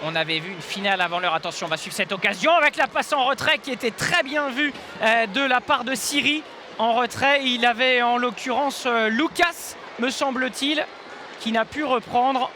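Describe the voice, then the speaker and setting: Male football commentator, very high pitch, excited sports commentary, noisy outdoor ground. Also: moderate pace. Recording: clear outdoor stadium noise behind. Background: outdoor ambience of a football match.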